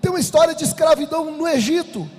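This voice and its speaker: Brazilian man, very high voice, fiery stage speech with rhetorical questions, long hall reverb. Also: quick pace, darkish tone. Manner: emphatic, rhetorical questions, sing-song rises. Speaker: conference speaker. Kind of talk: impassioned speech. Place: conference hall.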